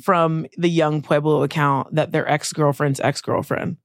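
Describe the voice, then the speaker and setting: A woman's voice: low-pitched, fairly even intonation, a little slow, no echo, studio quality. A woman chatting casually as a podcast guest, blunt and emphatic, with playful swearing. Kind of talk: casual chat.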